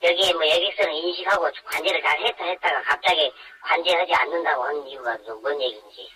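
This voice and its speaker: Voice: mid-range voice, fast talker, a crowd in the background, rough recording. An anonymous caller speaking through an electronically disguised voice in a phone-in interview, blunt and full of rhetorical questions. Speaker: anonymous caller, former maritime safety worker.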